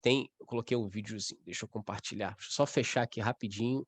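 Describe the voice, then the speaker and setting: A man's voice: on the low side, quick pace, slightly rough, no echo. A young adult man with a Brazilian Portuguese accent, leading an online class over a video call, talking casually and acting out what parents and coaches say. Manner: conversational, acts out parent and child lines. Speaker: coaching course instructor. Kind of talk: online class mentoring session.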